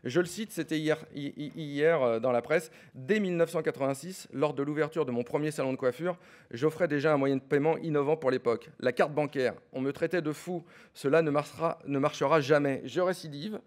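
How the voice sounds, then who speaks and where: Fast-talking businessman pitching. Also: a little mellow. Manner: fast, many fillers and repeated words. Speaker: startup executive pitching.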